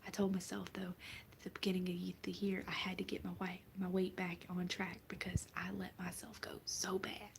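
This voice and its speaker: This young vlogger from the American South whispers softly and without voicing as she lies in bed at home, chatting loosely to her audience with fillers and false starts. Her pitch is lowish and her delivery monotone and fairly quick, over slight background noise.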